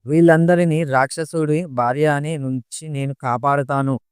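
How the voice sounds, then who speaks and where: A man's voice: a little high, fairly even intonation, normal speed, clear, resonant tone, dry recording, studio quality, lightly acted. A man voicing a young female demon who pleads earnestly to be taken as a wife, in a storybook reading. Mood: pleading.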